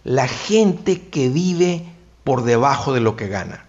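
A man's voice: mid-range voice, takes it slowly, muffled recording. A man, a finance guest giving advice in casual radio talk, acting out buyers and sellers. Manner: animated, acts out buyers and sellers.

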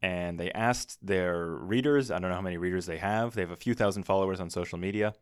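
Guy cohosting a podcast, lowish voice, wry and chatty, dry close mic. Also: fast talker, clear, resonant tone, dry recording. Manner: wry, chatty, reads archive clips aloud. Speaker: podcast co-host. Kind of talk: casual podcast chat.

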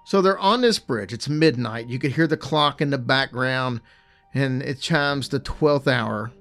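Guy telling a spooky story easy and chatty, mid pitch, faint music under it. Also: a little slow, a bit bright. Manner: chatty, laid-back, jokey asides. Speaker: podcast co-host telling a ghost story. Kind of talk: casual storytelling.

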